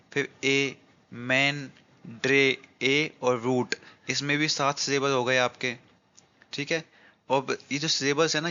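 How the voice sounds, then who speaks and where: A man's voice: medium pitch, sharp tone, muffled recording. A man teaching English literature for an exam, explaining step by step and answering his own questions as he counts syllables out word by word. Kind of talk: exam-prep lecture.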